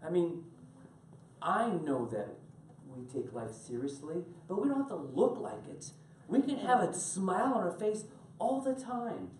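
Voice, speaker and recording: A male pastor preaching a sermon to his congregation, animated and laughing as he tells stories and calls on people by name. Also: high voice, measured pace, a little hiss or hum. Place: church sanctuary. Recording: echoey room from far off.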